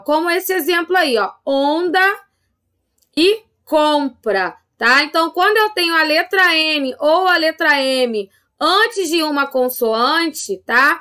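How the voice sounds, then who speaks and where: A woman's voice: high-pitched, sharp tone. A woman with a Brazilian Portuguese accent teaching a grade-school class in a recorded remote lesson, speaking patiently and checking in often with her pupils. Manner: slow, patient teacher talk with frequent "tá?" check-ins.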